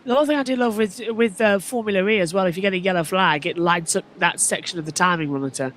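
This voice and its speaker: Lively race co-commentator, quick reactions to on-track events. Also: mid-range voice. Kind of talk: casual commentary chat.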